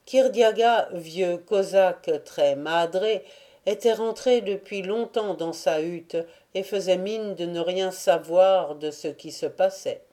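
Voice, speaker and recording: A woman narrating a classic novel as an audiobook reader, in a measured, deliberate reading. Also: lowish voice, dark tone.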